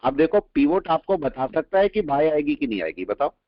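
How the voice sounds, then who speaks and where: A man teaching a live trading class, explaining points and quizzing his students with quick questions. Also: on the high side, very animated, no echo. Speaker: trading instructor. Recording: dull lo-fi audio, dry.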